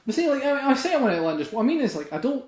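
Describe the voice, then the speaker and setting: A young man hosting a podcast, chatting casually, swearing often and ranting excitedly. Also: very high-pitched, very fast, reverberant. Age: young adult. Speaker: podcast host. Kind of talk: casual chat.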